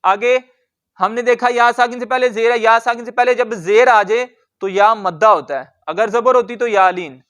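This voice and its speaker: A man with a very high, bright voice leads a Quran recitation lesson. His tone is smooth and clear, and he drills each word slowly, asking questions and then answering them himself.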